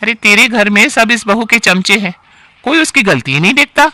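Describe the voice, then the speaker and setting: A man voicing a sharp-tongued, bossy elderly aunt-in-law in a storybook tale, scolding and sighing complaints. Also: high voice, lively intonation, moderate pace, dry recording, full character voice. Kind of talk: storybook character acting.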